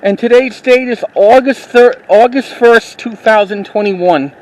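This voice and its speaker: High-voiced man rambling on a street walk. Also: poor audio. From New York City. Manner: rambling, halting, with frequent restarts. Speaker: vlogger. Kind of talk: casual walking-tour narration. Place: outdoors on a town street. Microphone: handheld camera while walking.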